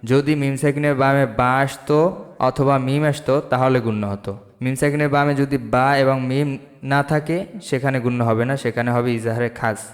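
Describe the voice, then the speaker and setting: A man teaching Quran reading, spelling out each letter and vowel mark syllable by syllable and then chanting the verses slowly in melodic recitation. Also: medium pitch, steady tone. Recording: long hall reverb with faint music.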